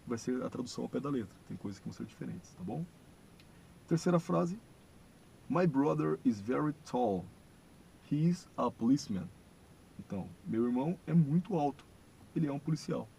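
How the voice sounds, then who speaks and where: Gravelly Brazilian man teaching English. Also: mid-range voice, dark tone, slight background noise, poor audio. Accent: Brazilian Portuguese. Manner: patient explaining, slow modeled phrases. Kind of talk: video lesson. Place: church classroom.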